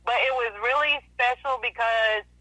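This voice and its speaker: Bright-voiced woman artist on the phone. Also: on the high side, fairly even intonation, normal speed, no echo, poor audio. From East Alabama / West Georgia. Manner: chatty, full of "you know" fillers. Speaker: artist guest. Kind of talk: phone interview. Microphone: telephone.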